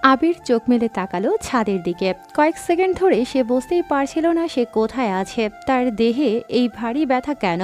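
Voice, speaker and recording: A woman narrating a scripted audio story in a steady, dramatic reading style. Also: fairly high pitch, moderate pace, soft background music.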